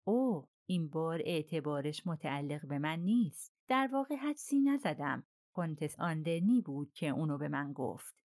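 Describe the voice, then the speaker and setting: A woman voicing a shrewd, self-assured older male detective, soft and persuasive, in an audiobook. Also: low-pitched, big pitch swings. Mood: explaining.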